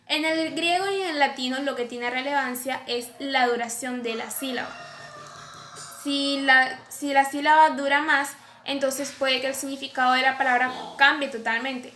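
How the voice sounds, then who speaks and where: High, bright woman lecturing. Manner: explanatory, asks and answers her own questions. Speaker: teacher. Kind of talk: recorded lecture over slides. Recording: echoey room, faint background noise.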